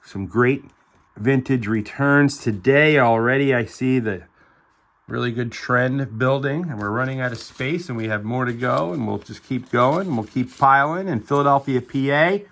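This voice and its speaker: A man's voice: medium pitch, moderate pace, fairly bright tone. A middle-aged man vlogging as a collector, narrating in a casual, upbeat show-and-tell way with chatty asides.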